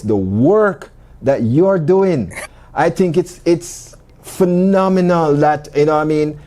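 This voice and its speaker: A man with a mellow, dark voice hosts an interview show. He talks in a relaxed, halting way, often restarting his sentences. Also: a little high. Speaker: host. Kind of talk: casual interview talk.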